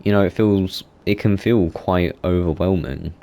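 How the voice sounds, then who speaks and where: A young gaming YouTuber gives a casual monologue about video games, rambling and correcting himself with many fillers. His voice is low, warm and steady, and he speaks a little slowly.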